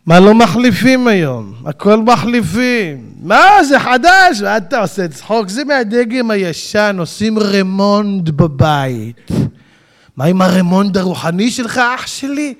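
A man preaching an animated sermon, firing rhetorical questions and acting out little dialogues. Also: high voice. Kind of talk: lively religious sermon.

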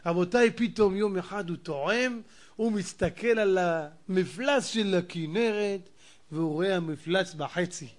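A man telling a parable in a sermon, animated and dramatic, chuckling as he goes. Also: high-pitched. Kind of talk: storytelling sermon.

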